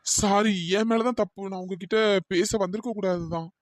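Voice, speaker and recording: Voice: medium pitch, steady tone, normal speed, no room sound, studio quality, natural voice. A performer voicing a persistent young male college student in a cartoon, pleading and apologetic. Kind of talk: cartoon voice acting.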